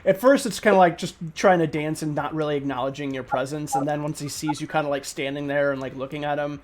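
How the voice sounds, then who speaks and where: Rambling game master man, fairly high voice. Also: fast. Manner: relaxed, full of fillers like "um" and "like". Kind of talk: narrating a tabletop game.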